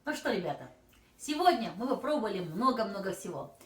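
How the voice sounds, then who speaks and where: Tasting snacks beside her young child, a vlogger mom keeps things jokey and lively in a casual video. She talks fairly quickly in a mid-range voice, recorded from a distance in an echoey room with a little noise.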